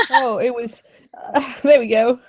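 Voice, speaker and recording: A woman's voice: a little high, steady tone, measured pace, dry recording, muffled recording. A woman streamer hosting casual group banter while playing a game. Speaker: streamer and host.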